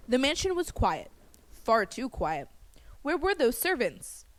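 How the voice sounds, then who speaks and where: A woman's voice: high-pitched, big pitch swings, a little slow. Woman narrating a suspenseful horror tale. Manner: suspenseful, hushed at tense moments. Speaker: storyteller. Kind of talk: dramatic horror story narration. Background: music.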